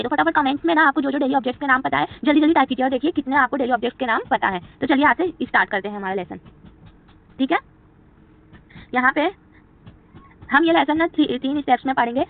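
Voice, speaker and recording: In a dry, tinny recording that sounds like it came through a phone, a woman with a high voice and a Hindi accent teaches a beginner spoken English lesson. Again and again she poses her own questions and then answers them.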